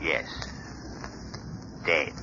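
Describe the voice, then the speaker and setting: An actor playing a grim, avenging crime fighter, ominous and theatrical in 1930s radio style. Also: male voice, very slow. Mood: solemn, condemning. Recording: noisy, muffled 1938 radio recording.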